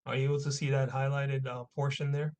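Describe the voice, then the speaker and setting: A man teaches an informal class on religious history, reading texts aloud while punctuating his points with rhetorical questions and quick check-in tags. His mid-range voice is darkish in tone, quick-paced, and shows little pitch movement.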